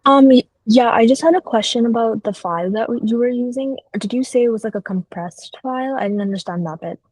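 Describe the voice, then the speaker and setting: A woman with a slightly high voice speaks up as a student in an online class. She is casual and a bit hesitant, and the sound is very dry, with no room to it. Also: a little fast, a little mellow, dry recording, rough recording. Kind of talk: hesitant, casual question to a teacher.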